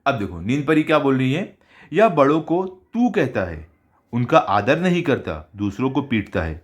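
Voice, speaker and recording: A man teaching a school Hindi lesson, reading story lines slowly and then explaining them in simple words. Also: medium pitch, big pitch swings.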